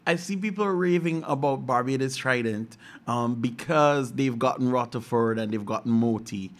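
A man's voice: mid-range voice, moderate pace. A man hosting a radio segment, asking questions politely. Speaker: radio host. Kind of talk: radio interview.

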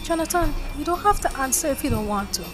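A woman acts as a young student daughter in a family drama, quick to defend herself. Her voice sits high and moves around expressively, with faint music underneath. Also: expressive. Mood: indignant, defiant. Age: young adult. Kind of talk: domestic drama acting.

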